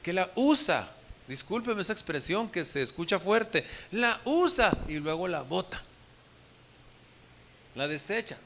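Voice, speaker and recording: A pastor preaches to his congregation in a high, bright tenor. He asks his listeners direct questions and voices the words of the people in his story. His tone is lively and forceful throughout the sermon. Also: measured pace, slight background noise. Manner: addresses the congregation directly with questions, acts out quoted speech.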